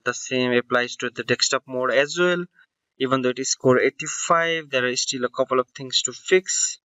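A man's voice: mid-range voice, moderate pace, sharp tone, no room sound, muffled recording. A man narrating a screen-recording tech tutorial, explaining step by step with fillers and self-corrections.

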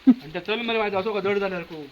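A man chatting casually and giving brisk, quick instructions. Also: sits high, highs cut off, a little hiss or hum. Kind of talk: casual chat. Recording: echoey, with a crowd.

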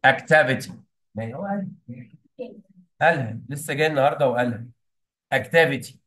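A man's voice: medium pitch, quick pace, fairly bright tone. A man with an Egyptian Arabic accent teaching an English lesson to a classroom of students, often prompting them with questions. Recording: echoey room, mic at a distance.

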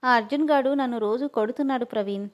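A spoiled teenage schoolgirl whines and grumbles through a storybook scene, her voice sitting a little high, as a woman reading the tale puts her on. She sounds sulky and sleepy. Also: quick pace, lo-fi sound, natural voice. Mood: whiny. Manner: whiny, complaining.

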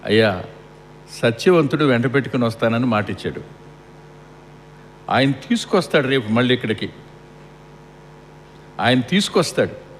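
Middle-aged male preacher at a funeral, mid-pitched voice, rhetorical and repetitive, long hall echo. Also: lively intonation, moderate pace, long pauses. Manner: asks the crowd rhetorical questions and repeats for emphasis. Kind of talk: funeral sermon. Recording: long hall reverb with faint air-conditioning hum.

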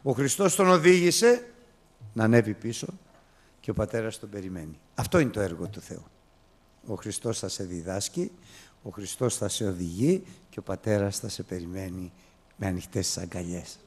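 A man preaching a sermon, telling the story with lively, acted-out storytelling. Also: lowish voice. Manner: animated storytelling, acting out biblical characters with raised, excited voice.

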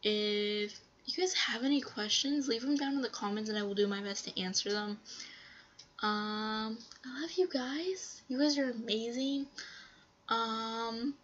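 A woman's voice: fairly high pitch, unhurried, a bit bright, muffled recording. A woman vlogger with a stuffy nose chatting casually to her viewers, rambling with frequent ums. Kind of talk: casual vlog chat.

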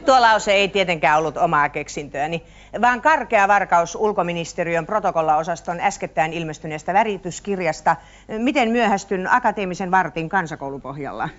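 A woman's voice: on the low side, lively intonation, slight background noise. A female co-host reading mock-formal scripted lines with dry wit. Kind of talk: scripted TV hosting. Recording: dull 1970s TV audio.

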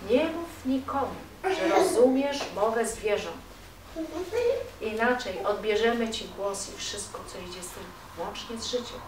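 Groźny wąż szepczący ostrzeżenie nisko i cicho, w wykonaniu kobiety, w pogłosowej sali. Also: female voice, unhurried, noisy background, natural voice. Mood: warning. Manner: low, warning, hushed. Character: hushed, menacing snake. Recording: echoey room from a distance with audience.

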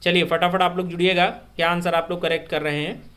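A man teaching a live online grammar quiz, repeating each question and urging viewers to comment their answers fast. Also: sits high, little pitch movement, a bit bright. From India. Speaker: online exam-prep teacher. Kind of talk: live-stream Hindi grammar quiz lesson.

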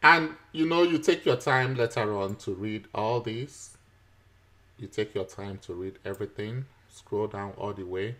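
Guy walking thru a software install, kinda low voice, lots of uhs and little laughs. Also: a little slow. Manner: chuckles often, frequent "uh" fillers; patient, step-by-step explaining. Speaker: teacher. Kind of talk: screen-recorded software tutorial.

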